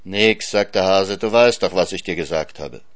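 A man's voice: low voice, moderate pace. A man voicing a sly, teasing male hare in a storybook reading, coaxing and crafty.

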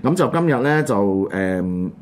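A man with a Hong Kong Cantonese accent, hosting an online radio show and chatting casually about current events in a subdued, halting way. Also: on the low side, big pitch swings, slight background noise. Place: studio.

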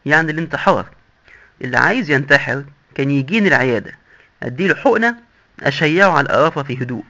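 A man's voice: fairly high pitch, lively intonation, rapid-fire, bright, forceful tone. A man with an Egyptian accent voicing a boastful, sly male doctor in hell who lectures glibly and mockingly. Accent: Egyptian Arabic. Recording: dull lo-fi recording.

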